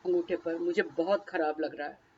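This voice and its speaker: A woman's voice: on the low side, fairly even intonation, normal speed, darkish tone, dull audio, a little hiss or hum. A woman leading a guided tapping session, naming each body point and then speaking a short first-person phrase for the listener to repeat.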